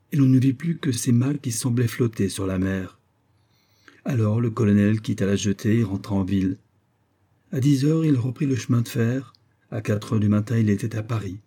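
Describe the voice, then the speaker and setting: Low mellow guy reading a novel aloud, slow steady expressive narration. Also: slightly rough. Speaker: audiobook narrator. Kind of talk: literary audiobook narration.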